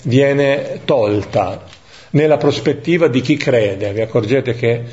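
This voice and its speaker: Guy giving a bible study talk, musing out loud, hesitant, kinda muffled lo-fi sound. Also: mid-range voice, slow. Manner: reflective, thinking aloud with hesitations and tag questions. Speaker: priest leading Bible study. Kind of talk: lectio divina teaching.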